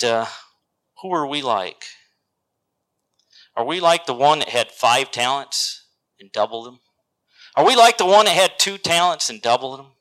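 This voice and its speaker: A man preaching a sermon, reading scripture and telling a story, who swings dramatically between loud lines and hushed whispers. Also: medium pitch, poor audio.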